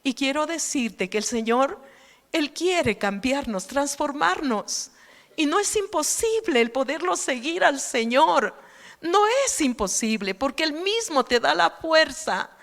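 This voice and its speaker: A woman's voice: sits high, expressive, a little slow, a bit bright. A woman pastor from Ecuador preaching a sermon, telling her testimony earnestly and rising to fervent appeals. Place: church hall. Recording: long church reverb.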